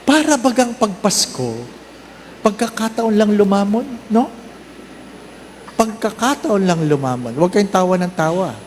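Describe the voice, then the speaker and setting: A man's voice: sits high, big pitch swings, measured pace, long pauses, darkish tone, a little hiss or hum. A man with a Filipino accent, a priest giving a humorous homily at Mass, mixing English and Tagalog and acting out parishioners in shifting voices. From Philippines. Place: church during Mass.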